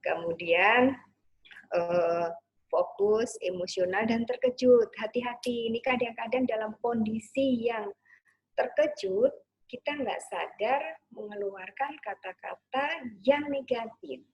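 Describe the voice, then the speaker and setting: A woman parenting coach giving a gentle online talk, sometimes acting out soothing words to a child. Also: fairly high pitch, slow pace, husky, lo-fi sound.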